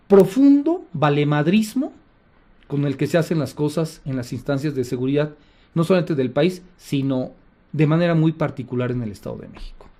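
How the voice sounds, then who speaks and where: A middle-aged man with a Mexican accent hosts a political commentary, his voice sitting high for a man. He talks in a sarcastic, indignant way, mocking what he criticizes. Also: warm tone. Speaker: host.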